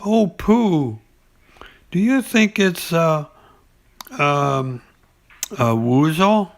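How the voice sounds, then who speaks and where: A man voicing a small, timid, excitable piglet from a children's storybook, with eager, hesitant questions. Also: fairly high pitch, very slow, gravelly, voice pushed up, exaggerated voice. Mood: excited, nervous.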